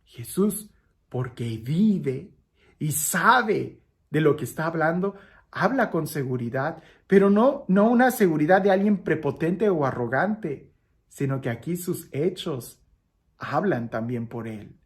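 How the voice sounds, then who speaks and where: Expressive priest preaching a homily. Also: male voice, on the high side, slow pace. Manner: expressive, swings from lively raised passages to soft hushed ones; repeats phrases for emphasis. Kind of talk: daily gospel homily.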